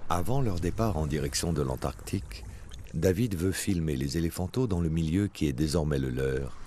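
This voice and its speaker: Very deep male documentary narrator. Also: normal speed, slight background noise. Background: music.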